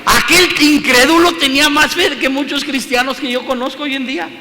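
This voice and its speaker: A man preaching a sermon in a church, speaking emphatically and repeating phrases as he addresses his listeners as brothers. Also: very high voice. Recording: long hall reverb, faint room noise.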